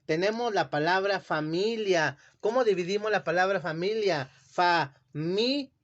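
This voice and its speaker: Man slowly spelling out syllables for children. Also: high-pitched. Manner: slow, careful, drawing out words syllable by syllable. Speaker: teacher. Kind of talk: classroom lesson explanation. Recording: dull lo-fi sound.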